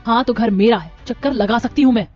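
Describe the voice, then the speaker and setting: A man voicing a nosy, defiant sister-in-law in an animated story, snappy and defensive. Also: extremely high pitch, fairly quick, pitched above the performer's own voice. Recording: dull lo-fi with music.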